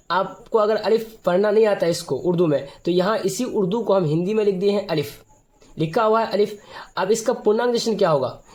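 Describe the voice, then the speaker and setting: Patient high-voiced man teaching the alphabet. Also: darkish tone. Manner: patient and repetitive, often clears his throat. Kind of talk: step-by-step alphabet lesson.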